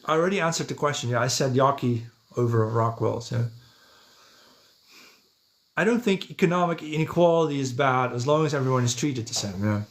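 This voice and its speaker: This man's medium-pitched voice is expressive and fairly quick as he livestreams casually. A Dutch native from the Netherlands who hosts podcasts and streams, he answers chat comments in a relaxed monologue, thinking aloud and checking with "right?" and "yeah".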